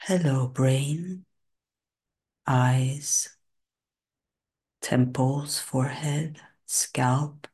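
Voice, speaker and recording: A woman leads a relaxation and breathing session in a low, mellow voice. She speaks very slowly and soothingly, in short phrases with long pauses, and sometimes drops to a soft whisper. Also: husky. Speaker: meditation guide.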